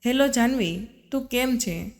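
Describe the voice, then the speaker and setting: A woman's voice: on the high side, unhurried. A woman voicing a young husband who pleads with and reproaches his wife, in a storybook reading. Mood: pleading. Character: young husband, earnest then hurt and angry. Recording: long reverb.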